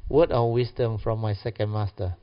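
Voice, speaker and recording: Malaysian guy teaching class in slangy english, lah and ah tags, kinda low voice, muffled audio. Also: fairly even intonation, normal speed, slight background noise. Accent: Malaysian or Singaporean English. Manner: colloquial slang with clipped phrases and tag particles like lah and ah. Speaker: Buddhist teacher.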